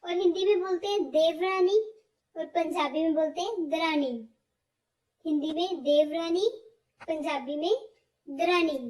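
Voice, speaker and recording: Woman teacher, very high voice, slow careful repetition, mic far away. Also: fairly even intonation, darkish tone. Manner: repeats each word slowly with stress. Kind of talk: explaining vocabulary, slow and repetitive.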